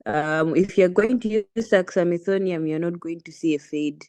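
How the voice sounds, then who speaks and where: A woman from Malawi, a student answering hesitantly in an online tutorial, with many pauses. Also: lowish voice, dark tone, smooth, no room sound. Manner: hesitant, many ums, laughs nervously.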